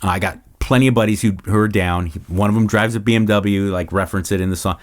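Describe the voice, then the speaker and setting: A man's voice: lowish voice, fairly even intonation, fast. A middle-aged man from Los Angeles, hosting a casual Q&A show, rambling and swearing freely. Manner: rambling, profane, lots of restarts. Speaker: podcast host. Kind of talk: casual Q&A monologue.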